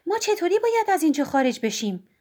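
A woman voicing an anxious young woman who pleads and questions in a high voice. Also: sing-song, a little mellow. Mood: panicked.

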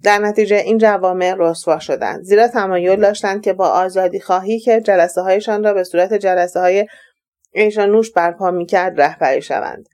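A woman narrating an audiobook in a steady, even reading voice. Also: fairly low pitch. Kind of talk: scripted narration.

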